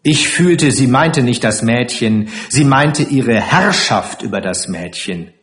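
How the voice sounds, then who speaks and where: A man reading a literary story aloud in an expressive way. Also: medium pitch, takes it slowly, roomy sound. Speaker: reader. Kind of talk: audiobook narration.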